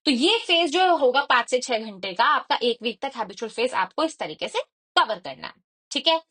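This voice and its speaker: A woman's voice: sits high, very animated, moderate pace, fairly bright tone, slightly rough. A young woman coaching exam students through a daily study plan, repeating her key points and checking in with the viewer as she explains.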